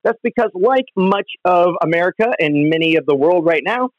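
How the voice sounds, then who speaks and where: A male pastor with a high voice speaks from home in an earnest, conversational teaching style. He is heard over the phone, so the sound is dull and lo-fi. The room is dry, with little echo. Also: lively intonation, normal speed. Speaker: pastor and podcast host. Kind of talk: devotional podcast teaching.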